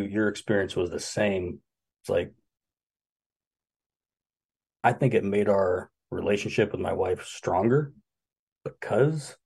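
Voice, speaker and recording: A man in his forties chats as a guest on a podcast, relaxed and musing, hesitating now and then. His voice is very deep and gravelly, with a husky, dark tone. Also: poor audio. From Alaska. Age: 40s. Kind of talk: casual conversation.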